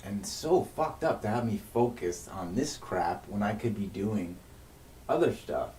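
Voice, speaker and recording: Man streaming alone, venting on mic, lots of swearing and restarts. Fairly low voice, heard from a few feet back. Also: expressive, a little slow, a little mellow. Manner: agitated, swears heavily, rants with frequent restarts. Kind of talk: unscripted venting monologue on a livestream. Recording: echoey room, mic at a distance, faint noise.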